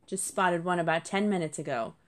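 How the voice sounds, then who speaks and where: A woman's voice: fairly low pitch, lively intonation, brisk, lightly acted. A woman voicing a teasing, breezy male bird on patrol in a storybook reading.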